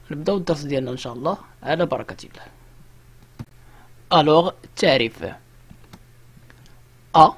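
A man with a Moroccan accent giving an online French lesson. He speaks slowly and repeats each example word by word. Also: fairly high pitch, slightly rough. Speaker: French teacher.

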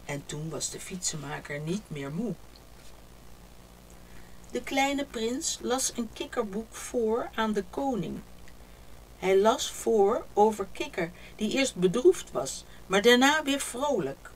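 A woman reading a children's picture book aloud, telling the story warmly and expressively. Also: on the high side, lively intonation, takes it slowly, slight background noise, low-quality recording.

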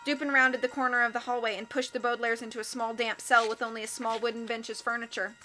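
A woman reading a storybook aloud as its narrator, with steady, expressive narration. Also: fairly high pitch, fast talker, soft background music. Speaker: audiobook reader.

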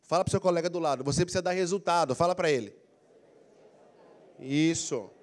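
Speaking at a brisk pace, a middle-aged male career coaching speaker from Brazil, with a Brazilian Portuguese accent, works a big council auditorium with a handheld mic as he walks the floor. His voice is high and animated, and in this lively motivational lecture he gets the crowd to repeat phrases back to him.

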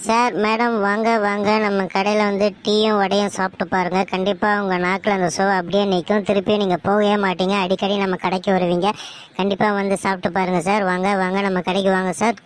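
A woman's voice: mid-range voice, flat delivery, a little fast, close to an everyday voice. Woman voicing an earnest young daughter-in-law. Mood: touting. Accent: Tamil Nadu Tamil. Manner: polite, earnest, coaxing. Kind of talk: cartoon story voice acting.

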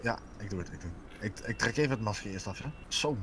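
A man's voice: lowish voice, lively intonation, fast talker, crowd noise. A man playing a polite, formal character in a game roleplay, stammering often. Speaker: roleplay player, hostage then medic.

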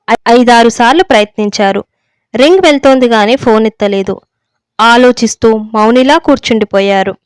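Woman reading a story aloud, measured and expressive. her voice sits high and sounds smooth and resonant, recorded dry and close with no room sound. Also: no room sound. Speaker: story reader. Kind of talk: storybook narration.

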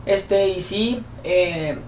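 A man with a Mexican accent, a YouTuber answering fan questions in a profane, mocking comic rant. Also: very slow. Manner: profane, mocking, shrill put-on voices when quoting. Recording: roomy echo, distant mic, faint noise.

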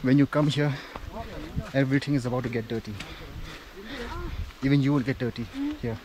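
A man's voice: medium pitch, fairly even intonation, brisk, dull audio. A man talking casually to his camera while hiking outdoors on a mountain trail, out of breath from the climb. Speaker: travel vlogger. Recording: noisy outdoor camera audio.

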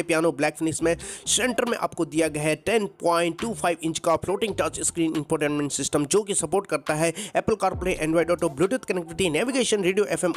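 High-voiced man giving a car walkaround. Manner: steady feature-by-feature listing. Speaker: car reviewer and channel host.

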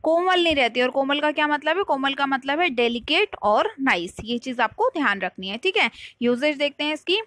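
A woman with an Indian English accent teaches vocabulary online, going back over each word and checking the viewer along with frequent questions. Her voice sits high and sounds crisp and bright. The recording is close and dry, with no room sound. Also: lively intonation, no room sound. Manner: repeats key words and asks the viewer quick checking questions. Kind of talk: explanatory online lesson.

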